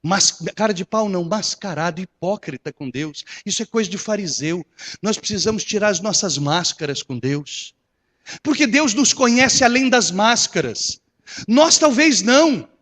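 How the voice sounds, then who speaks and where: A man preaching to his congregation in a notably high voice. His delivery is lively and theatrical, swinging from loud exhortation to hushed asides. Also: normal speed. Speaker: pastor. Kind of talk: sermon.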